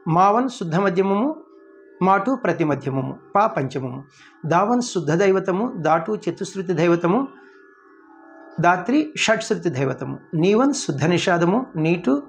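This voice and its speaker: A man teaching music theory, explaining terms and reciting long lists of names in quick succession. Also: sits high. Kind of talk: Carnatic music theory lesson.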